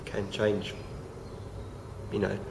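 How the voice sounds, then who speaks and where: Talking casually into his camera, this young male vlogger keeps stumbling over false starts and filler words. Illness leaves his deep voice rough and croaky, while a steady hiss hangs under the homemade audio.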